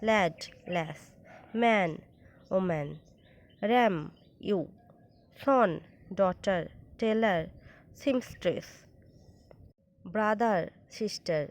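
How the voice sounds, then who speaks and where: A woman with a Bengali accent, teaching a basic English grammar lesson, reading word pairs slowly and evenly and explaining in a calm tone. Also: medium pitch. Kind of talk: scripted lesson narration.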